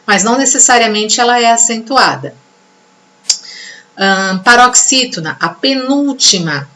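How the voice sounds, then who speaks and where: A woman's voice: mid-range voice, a bit bright, slight background noise. A woman teacher giving a recorded video lesson, explaining patiently step by step and often checking in with her students. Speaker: Portuguese teacher.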